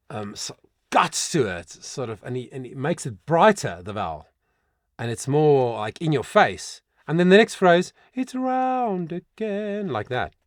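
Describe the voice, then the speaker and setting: A man's voice: a little high, dry recording, clean studio sound. A middle-aged man working as a vocal coach, analysing a song and breaking into short sung demonstrations.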